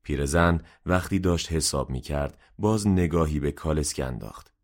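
A man reading a story aloud in a measured, subdued narration. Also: extremely low pitch. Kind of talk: scripted audiobook narration.

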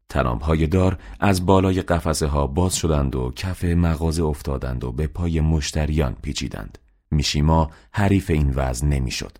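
A man reading a novel aloud as an audiobook narrator, in a steady, measured way. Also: extremely low pitch. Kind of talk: scripted narration.

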